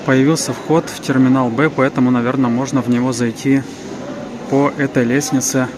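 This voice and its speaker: A man's voice: medium pitch, fairly even intonation, normal speed. A man giving a casual trip-report narration as a travel vlogger walking through an airport terminal. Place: large indoor airport terminal. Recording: noisy airport terminal ambience.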